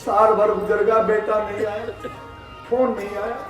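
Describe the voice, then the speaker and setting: A man telling an emotional devotional story as a sermon, dramatic and swinging between soft pleading and shouting. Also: high-pitched, little pitch movement, unhurried. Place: large echoing religious gathering, live. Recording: echoey hall from far off, music behind.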